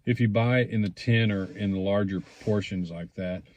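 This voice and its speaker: Low-voiced man, hesitant and unhurried. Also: steady tone, a little mellow, dull audio. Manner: hesitant, unhurried, thinking aloud. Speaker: pipe tobacco reviewer. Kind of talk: casual rambling product review to camera.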